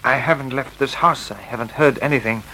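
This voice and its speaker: A man's voice: medium pitch, a little fast, pushed and bright, a little hiss or hum, natural voice, poor audio. Man playing a tense, defensive asylum doctor. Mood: defensive, alarmed. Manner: flustered, defensive, dramatic. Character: evasive, nervous male asylum director doctor. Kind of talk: vintage radio drama acting.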